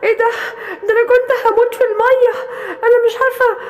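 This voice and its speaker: A woman's voice: very high-pitched, flat delivery, rapid-fire. A woman doing a sobbing, frightened gazelle. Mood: grateful. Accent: Egyptian Arabic. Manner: sobbing, cries out for help. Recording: long hall reverb.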